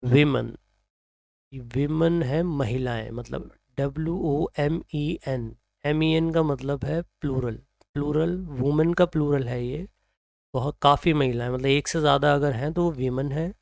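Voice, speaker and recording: A man with an Indian accent teaching English pronunciation, reading example sentences slowly and then explaining them. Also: on the high side, creaky, a little mellow, no room sound, studio quality. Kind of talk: slow explanatory lesson, mixing Hindi and English.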